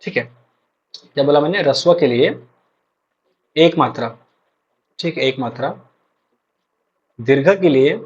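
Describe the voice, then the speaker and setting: A young man, teaching an exam-prep lecture and repeating points slowly with frequent check-ins. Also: fairly high pitch, slightly rough. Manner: explains slowly with many repetitions and check-ins. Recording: dull lo-fi recording.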